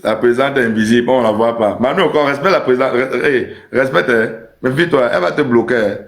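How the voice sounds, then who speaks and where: A man hosts a live stream, delivering a quick-paced, emphatic and teasing comic rant in which he keeps repeating his points. His voice is mid-range, and the recording has a roomy echo.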